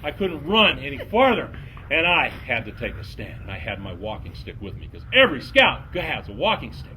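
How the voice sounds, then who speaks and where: A man telling a dramatic campfire story theatrically, swinging from hushed tones to shouting. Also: medium pitch, big pitch swings, moderate pace, slight background noise, rough recording.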